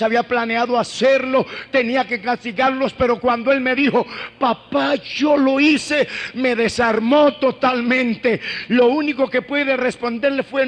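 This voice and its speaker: A man preaching a sermon in a dramatic storytelling manner, shifting between quick bursts and slow, hushed lines. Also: very high-pitched. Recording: echoey old sermon recording in a hall.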